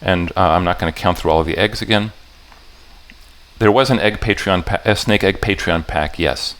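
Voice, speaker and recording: A puzzle setter speaks to a convention crowd in a low voice with a fairly bright tone. His talk proceeds in halting stretches full of mid-sentence corrections, punctuated by questions asking the room if they're following.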